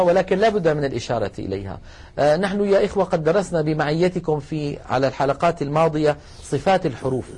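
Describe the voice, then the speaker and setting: Man, fairly high husky voice, recitation teacher, patient explanations, stretched-out example recitations. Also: darkish tone. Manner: explanatory, addresses listeners as brothers, drawn-out example recitations. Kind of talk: recorded lesson on tajweed rules.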